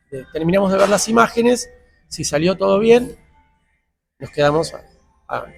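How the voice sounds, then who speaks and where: A man's voice: a little high, creaky. An Argentine man, a father, retelling a tense hospital story in a personal interview and acting out the dialogue. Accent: Argentine Spanish. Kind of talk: emotional personal account.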